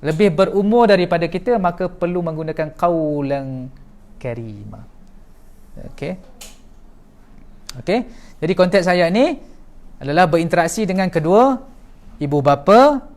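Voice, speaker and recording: A man with a Malaysian Malay accent teaches a class, setting out each point in turn and putting questions to his listeners. His voice sits high for a man. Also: animated, a little slow, pauses often, darkish tone. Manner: explains step by step and asks the audience questions. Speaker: lecturer. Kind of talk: classroom lecture.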